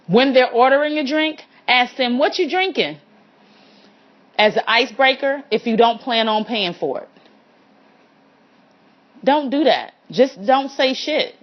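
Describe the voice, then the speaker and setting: A young adult woman hosting a casual advice talk show, speaking frankly and acting out quoted lines. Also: a little high. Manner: frank and animated, acts out quoted lines in character. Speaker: podcast host. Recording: dull lo-fi recording.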